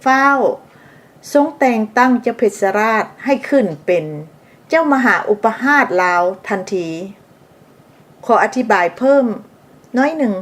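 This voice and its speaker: A woman from Laos narrating a history episode in a scripted way, pausing to explain terms and adding side remarks for the listener. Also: fairly high pitch, expressive. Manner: explanatory, adds asides for the listener.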